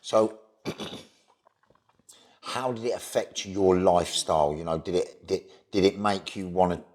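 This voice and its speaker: Male podcast interviewer, very low voice, casual, supportive. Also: slow, darkish tone. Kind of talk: interview questions.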